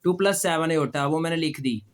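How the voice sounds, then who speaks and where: High-voiced man teaching math. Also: brisk. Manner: patient, addresses students as children, repeats questions and answers them. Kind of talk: step-by-step classroom lecture.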